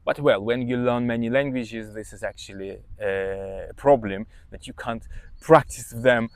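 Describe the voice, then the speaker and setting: A native Russian speaker with a Russian accent hosts a podcast as an English teacher, giving study tips in a casual advice monologue. His medium-pitched voice is unhurried and the recording is dry. He's chatty and emphatic, checking in with "yeah?".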